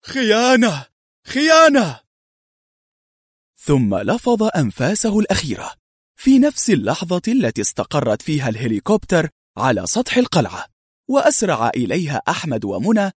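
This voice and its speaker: A man narrating an audiobook thriller with dramatic, animated storytelling. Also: fairly high pitch, husky, no room sound, clean studio sound.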